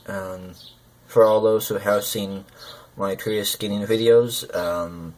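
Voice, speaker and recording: A man with a low voice speaks haltingly in a personal video. His lip sounds are soft and slurred, as though his mouth were numb from the dentist. He often hesitates and searches for his words. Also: a little hiss or hum. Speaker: gaming video creator. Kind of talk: personal talk to camera.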